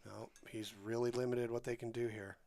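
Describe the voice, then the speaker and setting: A man giving relaxed live commentary on a pool match, chatty and joking, greeting viewers in the chat. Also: medium pitch, normal speed, creaky, slight background noise.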